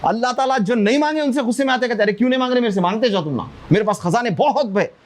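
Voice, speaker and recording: A man giving an animated religious talk to schoolchildren, asking them questions and acting out their prayers. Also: very high-pitched, rapid-fire, a little hiss or hum. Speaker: speaker at a school. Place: school classroom.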